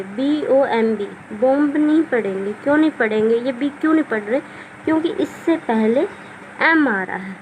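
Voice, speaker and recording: Woman teacher, fairly high voice, patient and repetitive, slight background hiss. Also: low-quality recording. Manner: patient, repetitive, asks and answers own questions. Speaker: English teacher. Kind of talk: classroom-style explanation.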